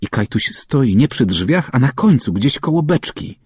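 A man reading a children's story aloud with expressive narration, acting out the characters' calls and shouts. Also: mid-range voice, normal speed, slightly rough, dry recording, clean studio sound. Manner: acts out calls and shouts, varies voice widely. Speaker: audiobook narrator.

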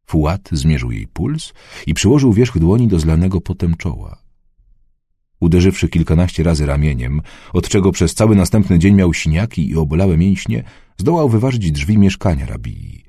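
A man narrating an audiobook in a measured, even reading voice on a close mic. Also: low voice, creaky, slightly rough, dry recording. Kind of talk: scripted narration.

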